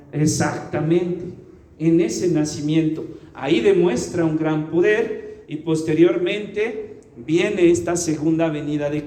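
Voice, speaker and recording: A man's voice: fairly high pitch, dark tone, echoey room. A man teaching a church Bible study, speaking earnestly, calling listeners brother and asking them rhetorical questions.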